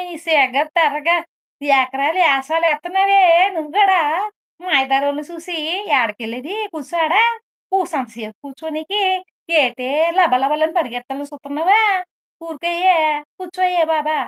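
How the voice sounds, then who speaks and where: Woman playing a silly gossipy village woman, high voice, scolding, teasing, rambling comic live-stream banter. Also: close to an everyday voice.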